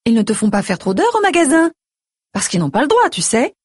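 A woman voicing a worried middle-aged mother who fires off anxious, pleading questions in a breathy voice. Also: on the high side, sing-song, no room sound, clean studio sound, pitched above the performer's own voice. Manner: rapid stream of anxious questions.

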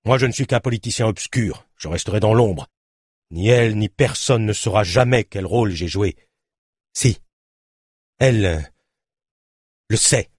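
A man's voice: lowish voice, unhurried, long pauses, breathy edge, no echo, clean studio sound, pitched above the performer's own voice. A man voicing a defiant, accusing bedridden woman who speaks in a cutting way.

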